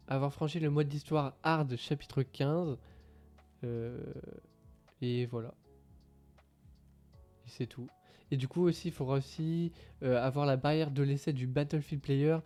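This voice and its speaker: With a warm, mid-range voice, a gaming streamer haltingly reads out translated game patch notes in a casual manner. Fillers crowd his speech, and he mentions that English is not his strong suit.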